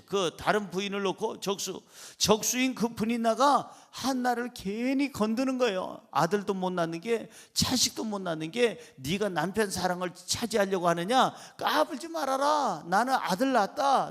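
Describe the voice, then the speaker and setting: A man preaching a church sermon as pastor, asking the congregation questions and rising into loud emphasis. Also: sits high.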